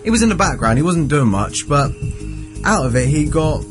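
A man's voice: fairly high pitch, sing-song, normal speed. A sixteen-year-old boy from England, telling an anecdote casually as a radio contestant. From Weymouth, England. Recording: loud music behind.

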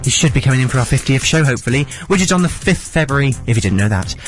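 A man's voice: medium pitch, lively intonation, rapid-fire, soft background music. A man hosting a radio show in a chatty, enthusiastic way.

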